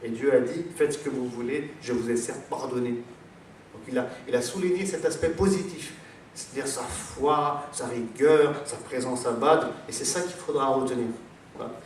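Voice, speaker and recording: A man's voice: mid-range voice, normal speed, slight background noise. A French-born man giving a religious lecture in a rambling, digressive way, with many fillers and repeated words. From France. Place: large echoey hall. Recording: echoey hall, voice from far off, faint background ambience.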